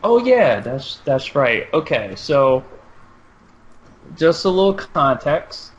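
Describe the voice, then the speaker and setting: A man's voice: a little high, big pitch swings, slow. A man co-hosting a sports and gaming podcast, talking things through at length in casual chat. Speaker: podcast co-host. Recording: dull lo-fi sound, faint noise.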